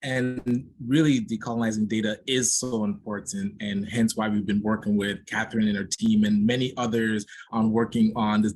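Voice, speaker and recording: Low, husky-voiced earnest man. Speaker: panelist. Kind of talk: online panel discussion.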